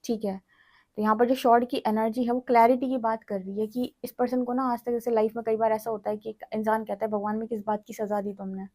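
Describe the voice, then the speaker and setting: Slightly high-voiced woman tarot reader. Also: fairly even intonation, fast, warm tone. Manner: direct, lecturing, often adds "ठीक है". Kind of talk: tarot reading monologue.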